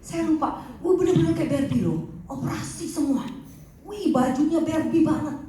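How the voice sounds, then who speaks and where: A middle-aged woman counselor giving a teaching talk to a group, lively, acting out examples in other voices. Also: high-pitched, moderate pace, slight background noise. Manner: animated, acts out patients' voices. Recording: echoey hall, mic at a distance.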